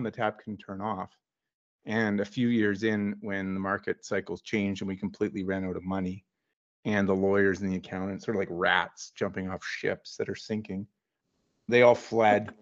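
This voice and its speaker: A man, a consultant guest, telling his career story in a relaxed, wry manner. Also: lowish voice, normal speed, dull audio. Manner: relaxed and wry, with frequent fillers. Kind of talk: casual interview storytelling.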